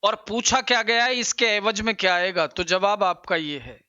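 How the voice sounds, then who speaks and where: A man teaching an English exam-prep lesson, explaining slowly and repeating pronunciations for his students. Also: high-pitched, animated, bright, forceful tone, smooth, no echo, dull audio.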